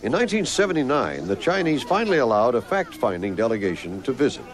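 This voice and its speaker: Casting: male documentary narrator, mid-pitched, very expressive intonation. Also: fast, low-quality recording. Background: music.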